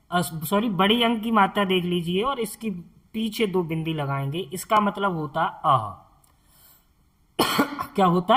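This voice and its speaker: A man tutors Hindi in a slow, step-by-step lesson, patiently repeating each sound and quizzing the viewer on it. His voice is high-pitched and a bit bright.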